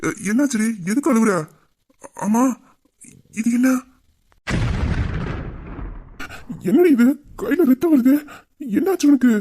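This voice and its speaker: A man's voice: high-pitched, big pitch swings, a little fast, a little mellow. A man voicing a protective young lover, anxious with questions and furious with threats, in an amateur audio drama. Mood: worried. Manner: worried questioning, angry threats.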